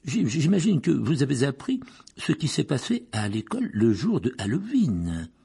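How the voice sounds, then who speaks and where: A man's voice: mid-range voice, big pitch swings, moderate pace, vocal fry, husky, voice pushed up, heavily acted. A man voicing a pompous middle-aged official who blusters and stammers. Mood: blustering. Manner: hesitant stammer, blustering, hushed at times.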